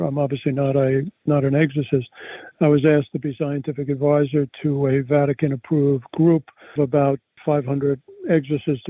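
A man's voice: on the high side, dry recording, narrow, tinny audio. An older man, a psychiatrist and author, answering interview questions conversationally with discursive, self-correcting explanations and anecdotes.

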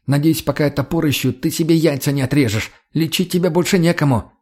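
A bossy, swearing young woman, raised high and loud in a husky voice, as a male reader puts her on. She snaps commands with urgent force in a storybook reading. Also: fast. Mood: harsh, commanding. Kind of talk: audiobook character voicing.

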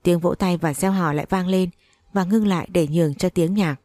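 A woman reading a first-person story aloud in an even, unhurried narrating manner. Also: fairly low pitch, no echo, studio quality. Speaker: audiobook narrator.

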